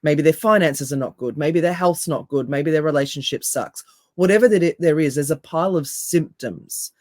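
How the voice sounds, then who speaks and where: A woman with a deep, raspy voice and an Australian accent talks as a coach in a podcast interview. She speaks with emphasis and fires off punchy rhetorical questions. Her tone is mellow and warm, and the recording is dry and close. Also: normal speed, dry recording. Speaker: NLP coach and hypnotherapist, guest.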